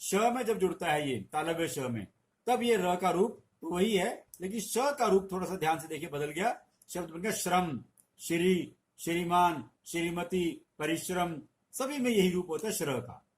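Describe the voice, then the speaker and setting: A man's voice: high-pitched, expressive, moderate pace, a little hiss or hum. A middle-aged man teaching a spelling lesson, patient, explaining with little stories and examples. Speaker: Hindi language teacher.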